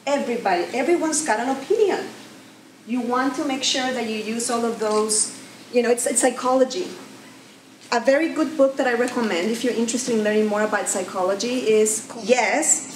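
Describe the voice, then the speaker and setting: A woman with a Mexican accent giving a lively presentation to an audience in a room, talking with fillers and restarts. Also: on the high side, normal speed, a little hiss or hum. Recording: echoey room, faint ambience.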